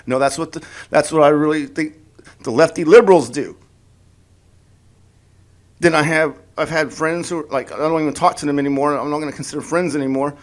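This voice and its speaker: A man's voice: a little high, fairly even intonation, brisk, long pauses. A man ranting in a political opinion vlog, heated and sarcastic, stumbling over and repeating his words as he mocks the people he disagrees with. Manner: heated and sarcastic, mocking voices of opponents; repeats words and restarts often. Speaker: political vlogger.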